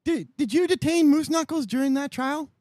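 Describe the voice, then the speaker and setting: A woman's voice: high-pitched, normal speed, warm tone, no room sound, clean studio sound, close to an everyday voice. A woman playing a cheeky, aggrieved complainant in an improvised courtroom comedy, mock-earnest and a little hesitant. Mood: hesitant questioning.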